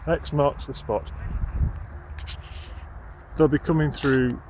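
A man's voice: fairly high pitch, fairly even intonation, slow. Man narrating outdoors over noise. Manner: chatty, narrates to camera. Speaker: spectator filming a race. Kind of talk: casual outdoor commentary. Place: outdoors on an open common.

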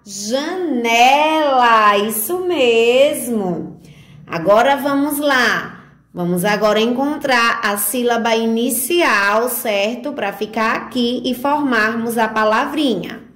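A woman's voice: fairly high pitch, slow pace, fairly bright tone, reverberant. A woman from northeastern Brazil with a northeastern Brazilian Portuguese accent, teaching small children in a remote lesson and sounding out syllables in a sing-song, coaxing way. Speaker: preschool teacher. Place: home or classroom recording for remote teaching.

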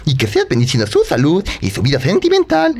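A performer voicing a playful, excitable male puppet who hosts a children's show, in a theatrical, exclamatory way. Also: medium pitch, brisk, breathy edge, heavily acted. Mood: playful, eager. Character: lively mustached male puppet, playful, pleading show host. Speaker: children's religious show host.

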